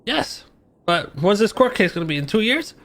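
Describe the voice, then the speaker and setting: A man's voice: sits high, big pitch swings, normal speed, fairly bright tone. A man arguing bluntly and profanely in an in-character roleplay discussion. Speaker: gang member in a roleplay game.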